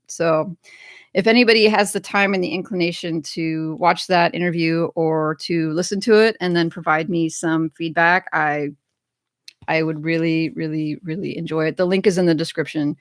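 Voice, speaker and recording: Low-voiced upbeat woman hosting a livestream. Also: no room sound, studio quality. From United States. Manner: chatty, upbeat, reads chat comments aloud. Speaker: livestream host. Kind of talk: casual livestream chat.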